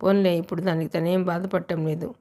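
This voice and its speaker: A woman's voice: fairly low pitch, flat delivery, brisk, mellow. A woman narrating a novel as an audiobook reader, telling the story steadily.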